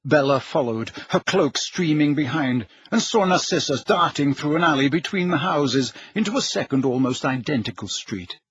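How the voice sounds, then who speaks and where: A man narrating an audiobook in a measured, dramatic storytelling manner with a husky voice. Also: a little high, expressive, fairly bright tone. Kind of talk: scripted narration. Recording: dull lo-fi recording.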